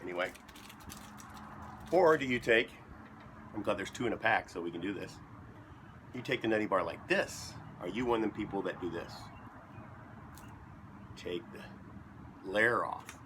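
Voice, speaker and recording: Low-voiced rambling man with bright tone. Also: measured pace, long pauses, slight background noise. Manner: rambling, deadpan, joking asides; talks while chewing. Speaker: vlogger. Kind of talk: casual rambling monologue to camera. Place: basement.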